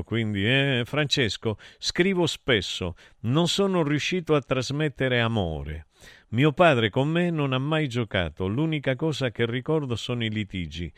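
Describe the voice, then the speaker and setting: A man's voice: fairly low pitch, a bit bright, clear, resonant tone, dry recording, clean studio sound. A middle-aged man hosting a show, reading listener messages and telling them personal stories in an emotional, rambling way. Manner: emotional, digressive, addresses listeners directly. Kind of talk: intimate confessional monologue.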